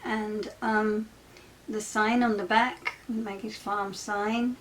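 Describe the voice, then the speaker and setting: A woman hosting a casual crafting tutorial, soft-spoken and chatty with frequent ums, often dropping to a near whisper while she works. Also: mid-range voice, level tone, slow, slight background noise, low-quality recording.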